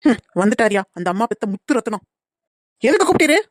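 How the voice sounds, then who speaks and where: Cartoon: woman voicing a snappy young daughter-in-law, high and rapid-fire. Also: big pitch swings, dry recording, clean studio sound. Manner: grumbling, sarcastic. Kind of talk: cartoon comedy voice acting.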